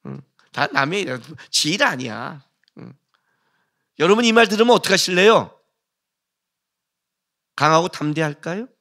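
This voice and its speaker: A middle-aged man preaching a sermon in a church, in a lively conversational way, acting out quotes. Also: on the high side, normal speed, pauses often. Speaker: pastor. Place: church sanctuary.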